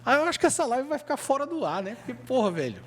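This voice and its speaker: Very high-pitched and fairly bright, this man speaks fast and with great animation as he co-hosts a podcast. He chats about football in a Brazilian Portuguese accent, casual, colloquial and emphatic.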